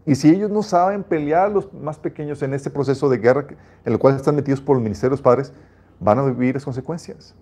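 Male pastor, middle pitch, warm tone; emphatic sermon delivery with scripture readings. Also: quick pace, slightly rough. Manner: earnest, emphatic preaching with repeated restarts.

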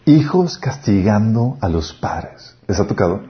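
A man preaching a sermon on parenting, lively, acting out family dialogues. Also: lowish voice, unhurried. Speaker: pastor. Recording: dull lo-fi recording.

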